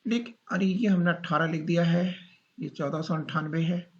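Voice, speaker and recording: A man teaches a class, speaking slowly and repeating each point so students can write it down. His voice sits a little on the high side. The recording is dull and lo-fi. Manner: slow, repetitive dictation with questions to students. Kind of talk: classroom lecture.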